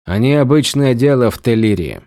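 Мужчина читает спокойного ироничного наёмника. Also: male voice, medium pitch, moderate pace, no echo, lightly acted. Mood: wry. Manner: calm, dry and ironic. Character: adult male mercenary, calm and wry.

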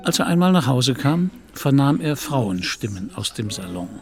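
For an audio drama, a man narrates a literary story in a medium-pitched voice with big pitch swings. He speaks in a measured, articulate way, and music plays clearly behind him.

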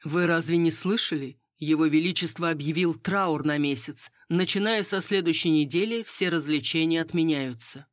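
A woman's voice: sits low, moderate pace, hardly any pauses, dry recording, close to an everyday voice. A woman reading the part of a sardonic, unflustered aristocratic court lady with dry irony. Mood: grim.

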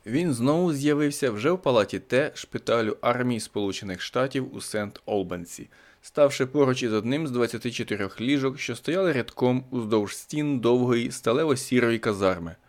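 A man narrating a science fiction story as an audiobook in a steady, even manner. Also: medium pitch.

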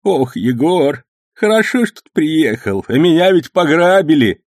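A man voicing an excitable, quarrelsome old village man who talks in a shrill, whining, indignant way. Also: a little slow, no room sound, studio quality. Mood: lamenting.

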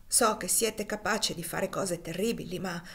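A woman's voice: lowish voice, measured pace, creaky, fairly bright tone. A woman reading aloud and voicing a devout, steadfast enslaved man who speaks earnestly and solemnly.

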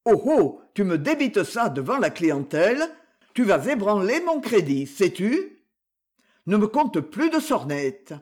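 A man's voice: sits high, big pitch swings, a little slow, a little mellow, full character voice. A man reading aloud, voicing an evasive younger brother who protests in a raised, blustering tone. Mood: defensive.

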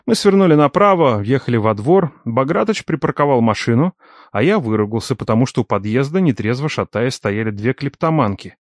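Expressive man narrating an audiobook. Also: mid-range voice, a little fast, no room sound. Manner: ironic, expressive storytelling. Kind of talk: first-person audiobook narration.

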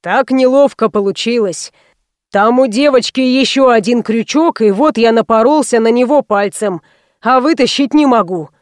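A woman reading an audiobook voices a fussy, ceremonious old male obstetrician who speaks slowly and formally. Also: fairly high pitch, dry recording, studio quality, natural voice. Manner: slow, formal and courtly.

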